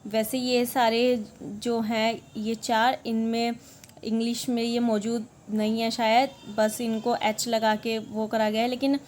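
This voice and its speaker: A young woman, explaining a language lesson patiently, often pausing to check that it's understood. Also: on the high side, level tone, a little mellow, a little hiss or hum. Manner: patient, repeats points, often asks "okay?". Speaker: language teacher.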